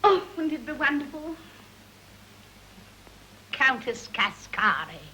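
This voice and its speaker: A high, bright English woman's voice a fussy, gushing society mother in stagey old movie style. She flutters and muddles along over a hissy early talkie soundtrack. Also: big pitch swings, slow pace, full character voice, rough recording. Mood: excited, flustered. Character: gushing, socially ambitious wealthy mother, comically muddled. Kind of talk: stagey 1930s early talkie film comedy acting.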